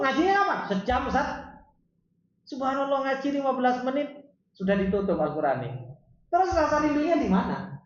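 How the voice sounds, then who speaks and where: A male preacher gives a lively religious lecture, quoting Arabic and asking the room questions. His voice sits in a roomy, echoing space. The recording is dull and lo-fi. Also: very high voice. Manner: animated, asks the audience rhetorical questions; reads Arabic lines, then explains them in Indonesian. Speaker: ustaz teaching a religious study circle. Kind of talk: Islamic study lecture.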